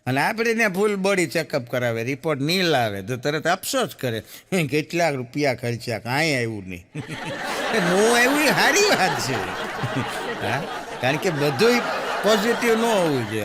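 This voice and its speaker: A man's voice: fairly high pitch, normal speed, a little hiss or hum. A man telling jokes on stage as a stand-up comedian, acting out the people in his stories. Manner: animated storyteller, acts out quoted characters. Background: audience laughter.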